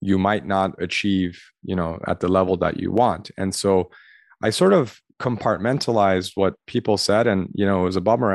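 A man's voice: sits low, gravelly, no echo, studio quality. A man from Los Angeles, in his thirties, answering interview questions in an earnest, reflective way, with many "you know" fillers. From Los Angeles, USA. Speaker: podcast guest, admissions consultant.

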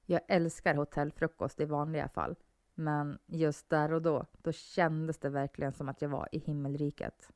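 A woman narrating a first-person horror story in a calm, measured reading voice. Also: sits low, no echo, clean studio sound.

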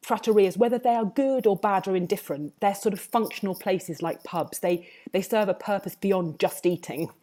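Speaking at normal speed with hardly any pauses, this warm mid-range voice belongs to a Hertfordshire food writer giving an interview. She has a southern English Home Counties accent and talks reflectively and discursively, looping back over her own phrases and hedging repeatedly.

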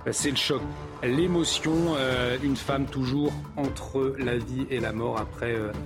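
A man's voice: mid-range voice, fairly even intonation, unhurried, over music. A man hosting a live morning news show, hesitant, with many fillers and restarts.

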